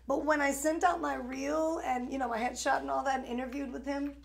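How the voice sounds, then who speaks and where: Her high-pitched voice is gravelly and fairly quick, with fairly even intonation, echoing through a reverberant space. She's a New Yorker in her forties with an East Coast American accent, running a live shopping stream in a talkative, meandering style full of fillers.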